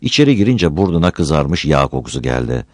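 A man reading a story aloud as its narrator in a lively, expressive manner. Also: very deep voice, fairly quick, dry recording.

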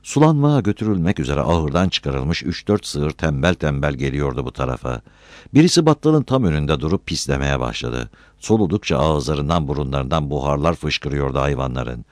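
A man reading a novel aloud as an audiobook narrator, with an expressive storytelling delivery. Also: extremely low pitch, dry recording. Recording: dry close recording.

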